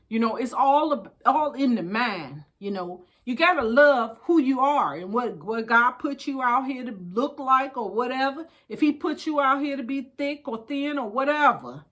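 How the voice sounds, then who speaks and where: An older American woman with a voice on the high side and a fairly bright tone hosts storytime, chatting casually and reading from a book. Her manner is folksy and emphatic: she calls listeners babies and repeats phrases for emphasis.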